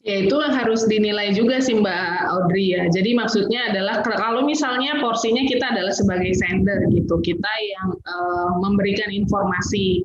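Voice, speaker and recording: A woman guest calmly giving advice in a casual interview. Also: mid-range voice, normal speed, echoey room, highs cut off.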